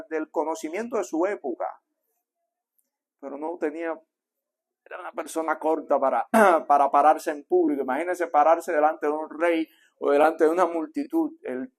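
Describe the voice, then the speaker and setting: A Cuban-accented male pastor delivers a sermon in a church, his voice sitting fairly high for a man. He preaches in a chatty style, speaking the quotes softly and building up to louder, stronger lines. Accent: Cuban Spanish. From Cuba. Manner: conversational preaching, acts out quotes softly then builds in volume. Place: church sanctuary.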